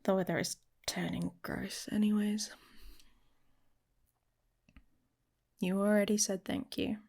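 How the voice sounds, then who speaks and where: A woman voices a teasing, guarded young female werewolf for an intimate ASMR roleplay, wry and casual, with breathiness and huskiness that frequently fall into whispers. Mid-range and a little mellow, her delivery is flat at a moderate pace, the mood soft and guarded.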